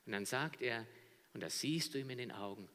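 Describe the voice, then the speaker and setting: A man delivers a sermon in a bright, forceful voice that carries a long reverberant tail from the hall. He drops to near-whispers and then climbs to loud, high shouts. The delivery is theatrical and impassioned. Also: a little fast. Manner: dramatic swings from hushed whispers to soaring shouts. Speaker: preacher.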